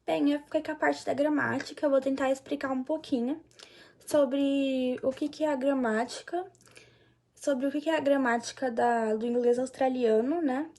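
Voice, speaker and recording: A woman's voice: sits high, warm tone. A young woman presenting a school assignment, hesitant and full of fillers. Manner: hesitant, uses many fillers. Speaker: student presenter.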